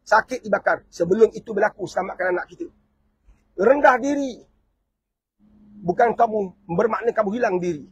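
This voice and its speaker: A man's voice: sits high, moderate pace, pauses often, breathy edge, no echo, dull audio. A man with a Malaysian Malay accent, giving a fiery family-themed preaching talk full of rhetorical questions. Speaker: motivational family speaker.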